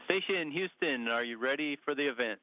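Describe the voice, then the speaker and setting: A man's voice: medium pitch, lively intonation, a little fast. A man working as a mission control communicator, making procedural call-outs over a radio link like a sci-fi communicator. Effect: radio transmission. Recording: narrow phone-like radio link.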